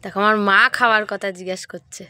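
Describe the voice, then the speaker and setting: A woman vlogging casually at home, talking quietly and gently coaxing her mother. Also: medium pitch, steady tone, fast talker, smooth, no room sound. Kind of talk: casual vlog chat. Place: at home with family.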